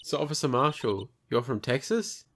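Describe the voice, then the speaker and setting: A man co-commentating a let's play, making slow joking asides. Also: mid-range voice, lively intonation, fairly bright tone, a little hiss or hum. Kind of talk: casual gaming commentary. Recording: game music behind the voice.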